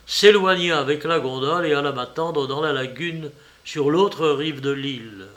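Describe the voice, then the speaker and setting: A man narrating a classic novel as an audiobook in a measured, dramatic way. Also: a little high, fairly bright tone.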